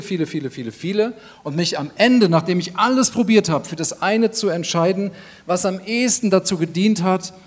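A man preaching a sermon in an earnest, emphatic way, with deliberate pauses and repeated phrases. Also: on the high side, a little mellow.

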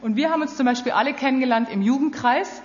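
A woman delivers a sermon at a quick pace in a fairly high voice, speaking earnestly and directly to her listeners. The recording is muffled and dull, with long reverb trailing off the walls of a large hall.

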